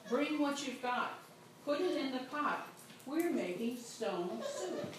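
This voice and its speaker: A woman's voice: high voice, big pitch swings, takes it slowly, noisy background, full character voice. A woman voicing cheerful, clever male travelers in a spoken storytelling, with a playful sing-song chant, heard from a distance in an echoey room. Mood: exuberant.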